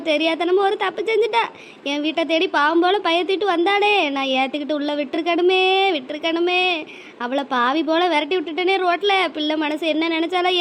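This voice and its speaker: A woman's voice: very high voice, a little hiss or hum. A woman voicing a wailing village mother. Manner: wailing, lamenting in repeated cries. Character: grief-stricken village mother, middle-aged woman. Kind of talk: cartoon drama voice acting.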